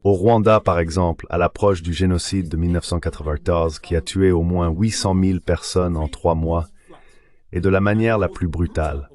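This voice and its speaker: A Nigerian professor, appearing as a guest, answers interview questions in a dubbed translation, lecturing at length and building his points with examples. His voice sits low and darkish, with a steady tone and a moderate pace.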